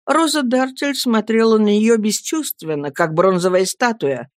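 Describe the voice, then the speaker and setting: An audiobook reader with a mid-range female voice narrates a classic novel from a script. Her delivery is measured and expressive, recorded at studio quality with no room sound.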